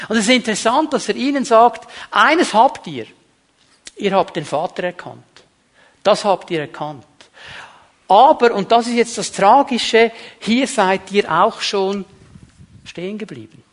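A middle-aged man preaching a sermon, emphatic, dropping low and quiet, then rising loud. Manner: emphatic, swings between hushed and raised.

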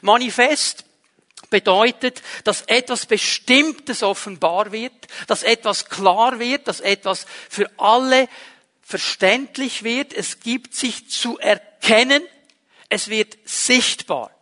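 A man preaching a sermon to his congregation in a lively, conversational way, asking rhetorical questions. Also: very high-pitched, takes it slowly. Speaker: pastor. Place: church hall with a congregation.

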